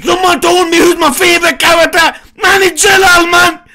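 A man streaming his reaction to an anime, excitable and slangy, often shouting. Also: very high voice, moderate pace.

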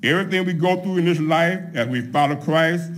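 A middle-aged man preaching a sermon from a pulpit, laying out his points one by one in a measured way. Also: fairly high pitch. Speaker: pastor. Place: church sanctuary at a pulpit, empty pews behind. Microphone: microphone on a pulpit stand.

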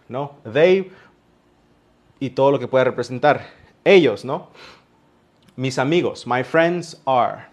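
Man, English teacher, unhurried, patient, repeats each example. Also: medium pitch. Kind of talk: beginner English lesson explained in Spanish.

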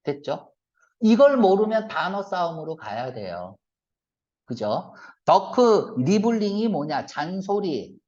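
Male reading teacher, animated delivery that swings between polite and blunt, keeps quizzing the class; dull lo-fi lecture capture. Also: high voice. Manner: brisk, fires rhetorical check-questions at students; switches between polite and blunt casual speech. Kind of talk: exam-prep lecture. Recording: lo-fi lecture recording.

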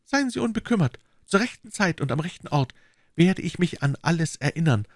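A man reading aloud and voicing an anxious, secretive young woman, with a raised, light pitch and quick, urgent delivery. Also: big pitch swings, dry recording, studio quality. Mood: pleading. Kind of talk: audiobook reading.

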